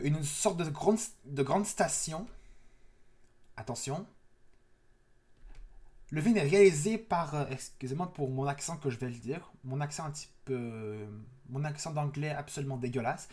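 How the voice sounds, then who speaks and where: A man's voice: on the high side, moderate pace, a little mellow. A man hosting a casual trailer reaction video, talking eagerly with frequent restarts. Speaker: YouTube reaction host.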